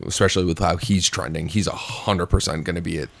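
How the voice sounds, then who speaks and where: A man's voice: low-pitched, fairly even intonation, quick pace, gravelly. A man in his thirties, co-hosting a podcast in a casual, teasing chat. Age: 30s. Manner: teasing, joking. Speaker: podcast co-host.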